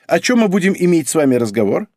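A man reading an audiobook voices a nervous, cowardly male bookshop clerk who whines and mutters in a husky voice. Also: a little high, big pitch swings, fast, darkish tone, no echo, studio quality, pitched above the performer's own voice. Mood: indignant excited. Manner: whining, muttering, protesting. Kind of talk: audiobook character voice.

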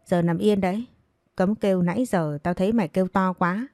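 A woman's voice: mid-range voice, a little fast, darkish tone, no echo, studio quality, close to an everyday voice. A woman voicing a bossy young master who is a doctor, talking bluntly and giving orders. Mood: stern. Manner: blunt, commanding.

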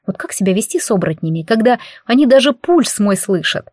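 A woman's voice: mid-range voice, animated, brisk, darkish tone, no echo, studio quality. A woman narrating a comic fantasy audiobook in first person, with a wry, ironic manner.

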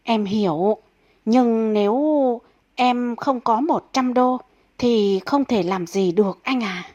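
A woman's voice: a little high, slow, darkish tone, dry recording, dull audio. A calculating young wife of a wealthy man, as a woman voices her, coy and matter-of-fact. Comic read-aloud story.

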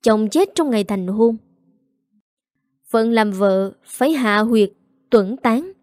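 A woman's voice: fairly high pitch, lively intonation, takes it slowly, darkish tone, no room sound, studio quality. A woman doing a sneering household steward. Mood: cold. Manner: cold, contemptuous.

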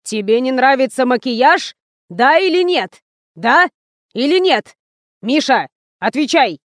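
A woman's voice: high voice, animated, takes it slowly, no room sound, studio quality. A woman voicing a screaming fat little producer. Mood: yelling. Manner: yelling, bullying, explosive.

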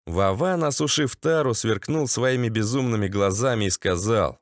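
A man's voice: fairly low pitch, moderate pace, dry recording, studio quality. A man narrating a gritty first-person audiobook in a tense, sardonic manner.

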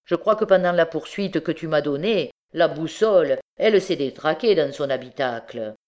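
A woman's voice: low voice, animated, moderate pace, a little mellow. A woman reading an audiobook, voicing a sly, mocking old male beggar turned bandit. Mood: jaunty.

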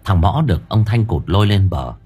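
A man narrating an audiobook in a dramatic, expressive storytelling manner. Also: low-pitched, brisk, faint music behind.

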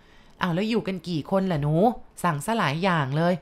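A woman's voice: on the low side, a little fast, close to an everyday voice. A woman voicing an old grandmother food seller who speaks bluntly and in a hurry, in a told ghost story. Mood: brusque.

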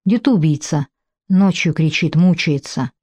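A woman voicing a calm, weary monk. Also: sits low, moderate pace, breathy edge, dry recording.

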